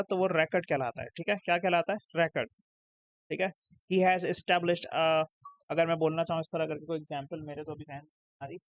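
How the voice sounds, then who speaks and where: In a recorded English lesson given over slides, a young man speaks in a high-pitched voice with a Pakistani Urdu accent. As a tutor, he breaks everything into steps and follows each point with "ठीक है?". The sound is dry, dull and lo-fi.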